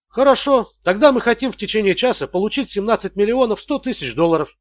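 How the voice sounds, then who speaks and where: A man's voice: high-pitched, lively intonation, fast talker, dry recording, muffled recording, voice pushed up. A man voicing a menacing, mocking male extortionist in an audiobook thriller, cool and sneering. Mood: coolly menacing. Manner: coolly mocking, bursts into screams. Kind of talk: audiobook character voice.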